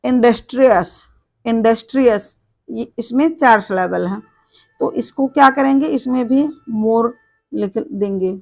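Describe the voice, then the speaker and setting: Slow, gravelly woman teaching grammar. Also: fairly high pitch. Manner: slow, spells words letter by letter and repeats them. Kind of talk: board lesson, explaining step by step.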